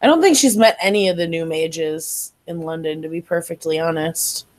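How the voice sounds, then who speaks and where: A woman player describing her character's actions in a tabletop game in an unhurried, thoughtful way. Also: sits low.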